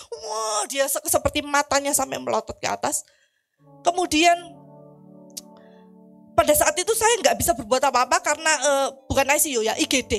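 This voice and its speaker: High-voiced fervent woman preacher over music. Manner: fervent, rising to loud cries. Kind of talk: sermon with testimony. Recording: music playing behind the voice.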